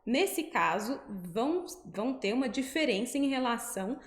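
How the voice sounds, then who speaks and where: A Brazilian Portuguese-speaking woman teaching French pronunciation, slowing down to spell out syllables. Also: fairly high pitch, animated, echoey room. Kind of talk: pronunciation lesson.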